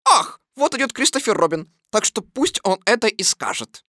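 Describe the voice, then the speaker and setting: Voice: medium pitch, big pitch swings, moderate pace, sharp tone, dry recording, clean studio sound, pitched above the performer's own voice. A reader voicing a fussy, self-important male rabbit who talks solemnly. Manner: reasoning, solemn, bossy.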